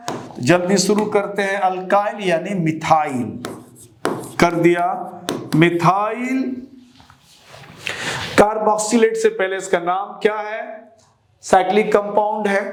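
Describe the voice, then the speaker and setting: A man teaching chemistry to students in a lecture, asking rhetorical questions, repeating the answers and calling his students children. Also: sits high. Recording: echoey room.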